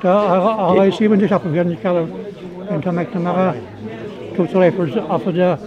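A man with a rural west of Ireland accent reminisces casually in a high voice, repeating himself for emphasis. The recording is slightly dull, with a crowd chatting around him. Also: normal speed. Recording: muffled, amid loud crowd chatter.

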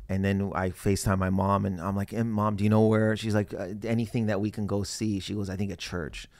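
A man's voice: lowish voice, dry recording. A man, a comedian, telling a story in casual conversation and acting out the voices of the people in it. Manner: animated storyteller who acts out quoted voices. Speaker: stand-up comedian guest.

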